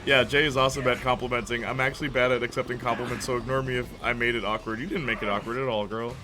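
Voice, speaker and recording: A man's voice: medium pitch, steady tone, racing. A man streaming a game, chatting casually with viewers and joking around. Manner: joking, chatty, laughs often. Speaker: gaming streamer. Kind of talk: casual chat while playing a game. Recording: noisy background hiss.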